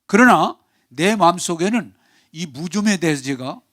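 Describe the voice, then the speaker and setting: High-voiced animated older Korean pastor. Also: male voice, normal speed, no echo, studio quality. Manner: animated, acts out pleading voices, has congregation repeat phrases. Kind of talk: sermon.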